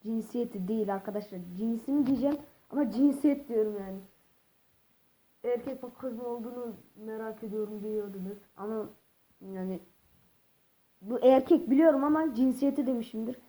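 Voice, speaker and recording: A woman's voice: on the high side, normal speed, mellow, low-quality recording. Rambling woman vlogger handling ducks. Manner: rambling, keeps addressing viewers as friends, corrects herself. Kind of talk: casual vlog talk to viewers.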